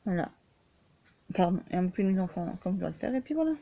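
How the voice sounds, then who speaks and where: A woman speaks in a casual personal vlog, halting and full of restarts, sounding tired and a bit breathless. Her voice sits slightly low. The recording is narrow and tinny, like a phone line. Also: flat delivery, vocal fry. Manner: halting, many restarts and fillers, frequent "voilà". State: often tired and short of breath. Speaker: vlogger.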